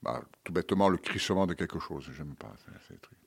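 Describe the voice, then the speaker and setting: A deep, husky male radio guest who talks haltingly. He fills his answers with hesitations and keeps repeating words as he searches for what to say. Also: very animated. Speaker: guest, charity volunteer.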